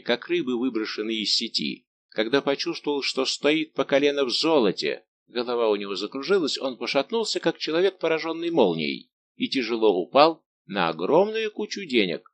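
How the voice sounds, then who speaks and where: A man narrating an audiobook in a measured, even way. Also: mid-range voice. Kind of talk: scripted narration.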